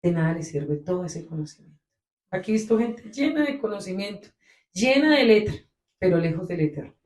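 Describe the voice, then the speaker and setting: A woman preaching to her congregation, her voice sitting at an ordinary middle pitch. She presses her points hard and then drops softer. The room gives her voice a noticeable echo. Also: lively intonation, brisk. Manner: emphatic, rises and drops in loudness for stress. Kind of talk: sermon. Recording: echoey room.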